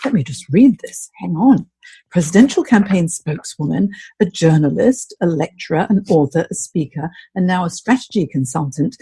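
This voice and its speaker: A woman's voice: lowish voice, animated, normal speed, mellow, breathy edge, no echo. A woman from Hong Kong hosting an interview podcast, asking questions with effusive admiration. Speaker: host.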